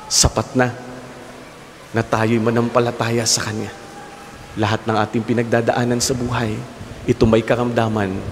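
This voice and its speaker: A young man with a Filipino accent, a priest giving an earnest homily in a small chapel, slipping English phrases into his sermon. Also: mid-range voice. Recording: long hall reverb, faint noise.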